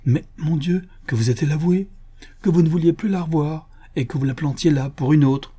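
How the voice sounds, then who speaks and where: A man doing a shrill, scolding old invalid woman. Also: normal speed, mellow, breathy edge. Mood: bitter scolding. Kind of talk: audiobook reading.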